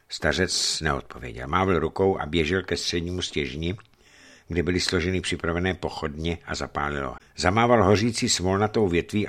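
A man narrating an adventure story in a measured, dramatic reading voice. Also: sits low, a bit bright. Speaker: audiobook reader.

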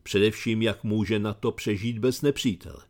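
A middle-aged man with a Czech accent, reading his commentary aloud in a dry, sardonic tone. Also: on the low side.

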